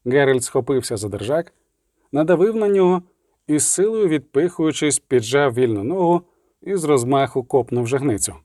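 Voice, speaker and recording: A man narrating an audiobook with vivid, measured storytelling. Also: medium pitch, lively intonation, darkish tone, no echo, studio quality.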